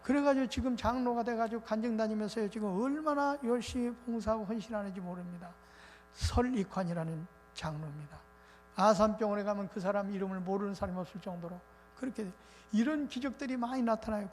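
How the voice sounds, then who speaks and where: A male pastor preaching a revival sermon in an animated, colloquial storytelling way. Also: sits high, quick pace. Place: church sanctuary. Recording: reverberant church hall with faint noise.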